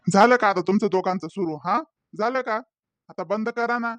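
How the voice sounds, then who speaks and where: A man voicing a patient father in a cartoon, soothing his daughter and trying to calm his quarreling family. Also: high voice, normal speed, no echo. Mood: placating. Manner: soothing, placating. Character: patient, placating young father. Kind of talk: cartoon voice acting.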